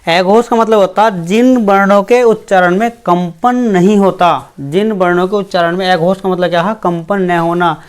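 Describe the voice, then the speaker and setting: A teacher giving a grammar lesson, who asks the class questions, answers them itself, repeats each point and slowly sounds out each letter. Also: mid-range voice, fairly even intonation, clear, resonant tone. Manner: repeats points and fills with "theek hai".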